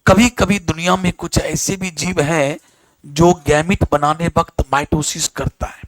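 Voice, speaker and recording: A man's voice: fairly high pitch, fairly even intonation, unhurried, dry recording. A male teacher giving a classroom lecture, quizzing and scolding his students.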